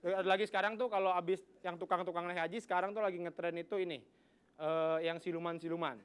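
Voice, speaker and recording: A young man doing a loud, animated, slangy stand-up comedy set on stage. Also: high voice, quick pace, background noise. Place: stage before a studio audience. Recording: live stage with crowd. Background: audience laughter.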